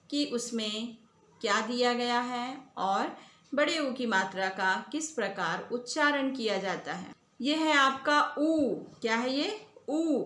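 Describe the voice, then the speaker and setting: A woman teacher leads a lesson for small children at an unhurried, careful pace. She says each word clearly and then says it again. Her slightly high voice rings in an echoey room. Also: a bit bright. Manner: slow, deliberate, repeats words for children to echo. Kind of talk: recorded primary school lesson.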